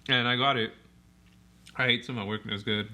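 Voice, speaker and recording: A man's voice: medium pitch, fairly even intonation, a little fast, bright, forceful tone. A young man co-hosting a podcast in casual chat, laid-back and slangy, laughing often. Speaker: podcast co-host.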